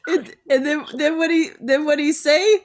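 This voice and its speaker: A woman's voice: high-pitched, moderate pace. A woman in casual chat who laughs a lot and asks questions, recorded in a secretly taped conversation.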